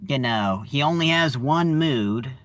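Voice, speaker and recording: A man casually reviews a TV series in a slow, unhurried delivery. His pitch moves a lot, and he keeps pausing and restarting with lots of fillers as he searches for the right words. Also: expressive, fairly bright tone.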